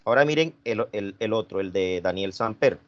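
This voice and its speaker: A man's voice: lowish voice, expressive, moderate pace, dull audio. A man teaching an online class, repeating himself and questioning students.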